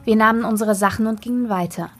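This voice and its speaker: A woman narrating a children's story in the first person, expressive and lively. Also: fairly high pitch, fast, slightly rough. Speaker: audiobook reader. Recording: soft background music.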